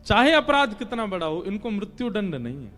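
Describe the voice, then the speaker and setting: A man telling scripture stories in a devotional sermon, animated and dramatic, and he chants the verses. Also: high voice, fairly quick, faint music behind. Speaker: devotional storyteller preacher.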